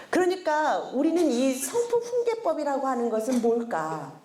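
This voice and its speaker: Middle-aged woman lecturer, expressive and theatrical, swoops high and low, heard in a roomy space. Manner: animated, acts out quoted scolding in a sharp voice. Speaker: seminar lecturer, head of a character-education school. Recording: roomy echo.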